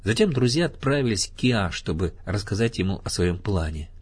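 Husky male storybook narrator. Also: fairly low pitch, expressive, brisk. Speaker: storybook reader. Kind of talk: scripted narration.

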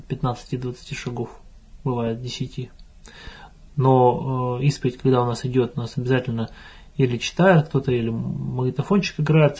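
A man's voice: medium pitch, mellow, slightly rough. A man, a priest, answering a listener's letter in a thoughtful, hesitant way with frequent restarts.

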